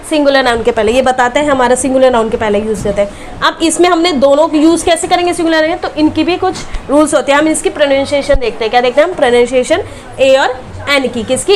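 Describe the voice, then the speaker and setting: A woman with a high, bright voice teaches a grammar class. She keeps asking her students to repeat key words back to her, in a brisk classroom manner, with faint noise under the recording.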